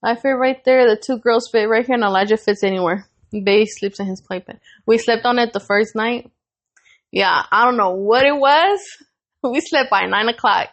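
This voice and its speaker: A young adult woman co-hosting a podcast, telling a story in casual chat, animated and profane and laughing often. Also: on the high side, normal speed. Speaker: podcast co-host.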